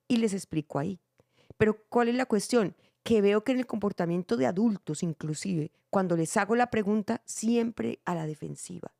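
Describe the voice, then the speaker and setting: A woman's voice: medium pitch, gravelly, no room sound, clean studio sound. A middle-aged woman hosting a family podcast, talking animatedly and acting out the things people say. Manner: animated, acts out quotes with shifting voices. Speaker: podcast host and church theater director. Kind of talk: casual family podcast chat.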